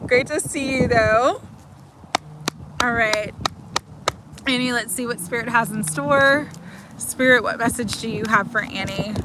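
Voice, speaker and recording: On a livestream mic with noise behind her, a woman in her forties gives friendly, affirming oracle card readings, chatting warmly and breaking into laughter between lines. Her voice is a little high.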